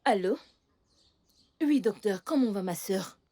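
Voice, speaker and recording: A woman's voice: mid-range voice, animated, slow, mellow. A woman voicing a bossy aunt in a French film dub, scolding and impatient with her niece. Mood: grief-stricken. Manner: scolding and impatient toward the girl.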